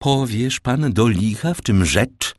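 A man voicing an indignant aging king who gives commands and sharp rebukes in an audiobook reading. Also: medium pitch, lively intonation, slow, no echo, studio quality, voice pushed up. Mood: commanding. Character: indignant aging king, imperious and quick to anger.

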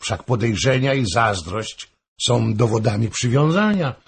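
Man voicing a flattering noblewoman, ingratiating, husky voice, animated. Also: mid-range voice, a little slow, heavily acted. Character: scheming older noblewoman, flattering and sly.

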